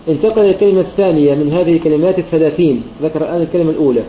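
A man explains recitation rules with a rapid, methodical delivery. He repeats phrases and fills pauses with "aah." His voice is deep-toned and mellow, a little raised in pitch, and the recording sounds echoey and muffled, like an online voice-chat room. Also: slight background noise. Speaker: Quran recitation teacher. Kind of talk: religious lesson explaining a classical poem.

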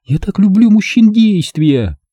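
A male audiobook reader voicing a seductive, scheming woman who purrs and coaxes in a breathy tone. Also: high voice, big pitch swings, measured pace, warm tone, no echo, pitched above the performer's own voice, exaggerated voice. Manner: breathy, purring, coaxing. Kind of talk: audiobook character voice.

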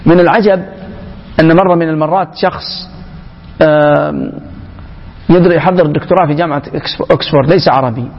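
A man giving an emphatic public lecture to young people, often pausing and restarting mid-phrase. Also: a little high, gravelly, slightly rough. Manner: emphatic, halting, with frequent restarts. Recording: echoey hall, dull lo-fi sound.

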